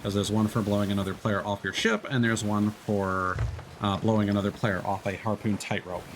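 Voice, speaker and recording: Over noisy stream audio, a man chats casually while gaming, walking a co-player through the steps with plenty of fillers. He speaks a little fast in a steady, low-side voice.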